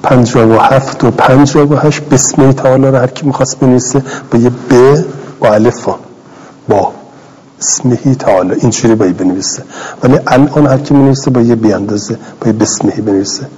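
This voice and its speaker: A man's voice: mid-range voice, warm tone, husky, dull audio. A middle-aged male cleric gives a scholarly commentary lecture, reading Arabic text aloud and explaining it in plain, repeated Persian. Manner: repeats and rephrases phrases for clarity.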